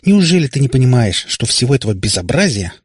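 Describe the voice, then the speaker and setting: A man voicing a sharp-tongued, indignant teenage girl in an audiobook, with a raised, husky voice. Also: mid-range voice, very animated, fast talker, dry recording, clean studio sound, voice pushed up. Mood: scolding.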